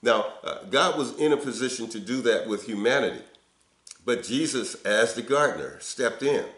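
A man's voice: mid-range voice, lively intonation, moderate pace, a bit bright, roomy sound. An older man preaching a sermon in an earnest, conversational way, recorded on a webcam in an indoor office. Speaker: pastor. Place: indoor office before window blinds.

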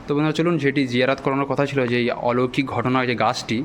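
A man guides viewers on an outdoor walking tour. He keeps his speech hushed and reverent, at an ordinary mid pitch. The on-location recording has clear ambient noise behind him. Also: fairly even intonation. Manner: deliberately hushed, speaking softly in a cemetery. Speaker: vlog host and guide. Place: outdoors in a cemetery.

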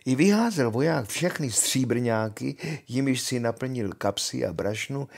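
An older man reads a fairy tale aloud to his grandchildren. His voice is husky and breathy, with a lively, animated pitch that rises and falls through the telling.

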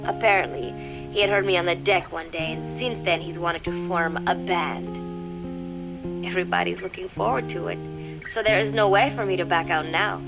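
A woman voicing a reserved teenage girl recording an audio diary for a game, speaking in a measured, formal way that drops softly toward a whisper. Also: lowish voice, steady tone, vocal fry, music in the background, low-quality recording. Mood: reflective. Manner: measured, formal, quiet with soft whispered dips.

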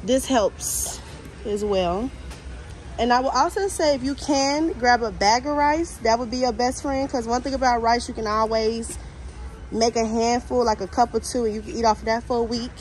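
A young American woman with a voice on the high side talks at a moderate pace, chatting casually to viewers in a shopping-vlog manner. She's inside a large warehouse store. The recording is rough, with faint store ambience.

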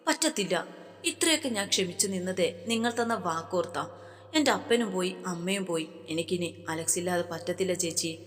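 A woman's voice: lowish voice, moderate pace, in a large hall, natural voice. A woman voicing a pushy, threatening young nurse. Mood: insistent.

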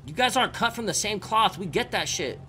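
A man's voice: high voice, expressive, fairly quick, sharp tone, soft background music. A man in his thirties role-playing in casual, slangy, cajoling chat on a close streaming mic. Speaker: streamer role-playing in an online crime game. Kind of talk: casual improvised in-character chat. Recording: game voices and vehicles behind.

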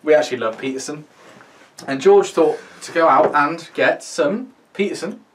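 A man's voice: fairly high pitch, normal speed, a bit bright. A British man in his twenties co-hosting a review video in casual, bantering chat. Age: 20s. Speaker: co-host of a pipe tobacco review video. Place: small indoor room. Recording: distant mic, faint room noise.

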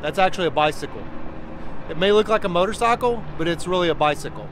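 A man in his forties chatting casually to viewers outdoors on a quiet road, filming himself with a handheld camera at arm's length. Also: high-pitched, fast talker. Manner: relaxed and chatty, talking to viewers. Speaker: vlogger. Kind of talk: casual vlog. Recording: faint outdoor traffic noise.

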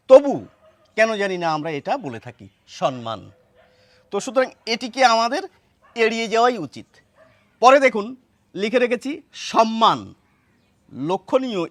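A man's voice: high-pitched, a bit bright, no echo. A man giving a pronunciation lesson, explaining step by step and repeating words to demonstrate them. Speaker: language teacher.

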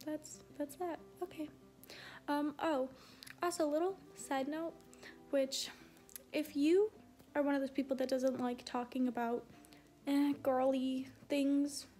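A woman's voice: high-pitched, a little mellow. A young adult woman giving a casual video diary update, rambling hesitantly and often saying "like". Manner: hesitant, filler-heavy rambling with frequent "like". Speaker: vlogger.

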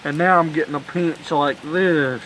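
Here a young man vlogs about dip tobacco from a covered porch as heavy rain falls, recording himself on a phone camera on a kickstand. His voice is on the high side and a bit bright at a moderate pace, cursing often in a laid-back, rambling drawl, with slight background noise.

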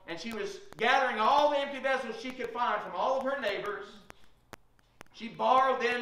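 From the pulpit of a small church, a middle-aged pastor retells Bible stories in a sermon, his voice very high-pitched and sharp. A room mic on a faraway camera captures him, giving an echoey, distant sound.

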